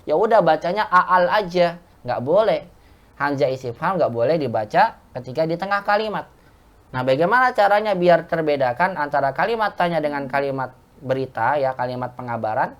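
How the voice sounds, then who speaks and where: A woman's voice: deep voice, animated, fairly quick. A woman teaching an Arabic lesson to a class, explaining step by step and asking the class questions. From Indonesia. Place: mosque classroom.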